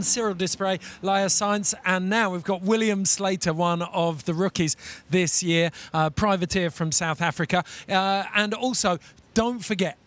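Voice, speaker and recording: A man hosting a live sports talk show in brisk, upbeat presenter patter. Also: high-pitched, a bit bright. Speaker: host.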